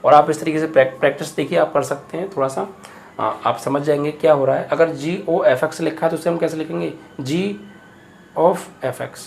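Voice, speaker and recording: A man's voice: on the high side, fairly even intonation, quick pace, creaky, a little hiss or hum. A man speaking, teaching a math lesson patiently, repeating each step and asking questions aloud. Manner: patient, repeats steps and asks rhetorical questions.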